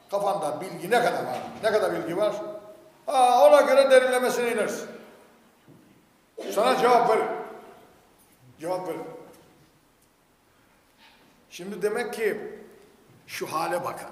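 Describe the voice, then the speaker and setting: An older man with a cold, giving an emphatic Quran commentary lecture and swinging between loud exclamations and low asides. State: has a cold. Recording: echoey hall with long reverb, faint noise.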